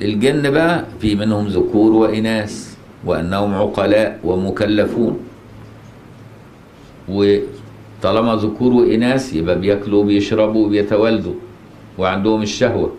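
An Egyptian-accented man teaches a religious lesson in plain colloquial speech, pausing to ask his listeners questions and check they follow. His voice sits on the low side. The recording rings with the echo of a mosque, with faint noise underneath. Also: darkish tone. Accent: Egyptian Arabic.

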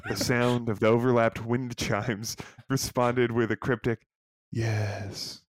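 A man's voice: medium pitch, level tone, a little slow, slight background noise. A man co-hosting a podcast, reading fan fiction aloud comically and slipping into put-on character voices. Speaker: podcast co-host.

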